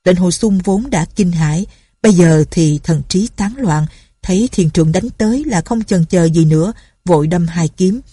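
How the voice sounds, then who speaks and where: A woman narrating a martial arts novel as an audiobook in a steady storytelling manner. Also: lowish voice, moderate pace, breathy edge, dry recording, clean studio sound.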